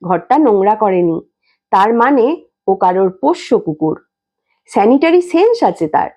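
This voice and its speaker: A woman reading a story aloud in an expressive, lively way, shifting her tone often. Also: mid-range voice, measured pace. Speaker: story reader. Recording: dull lo-fi recording.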